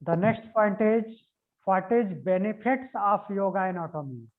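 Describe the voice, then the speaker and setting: High-voiced man teaching over a conference call. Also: normal speed. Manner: repeats phrases and spells out key words letter by letter. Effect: heard over a video conference call. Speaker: yoga anatomy teacher. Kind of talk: online class lecture, dictating notes. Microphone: video call. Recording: narrow phone-like call audio.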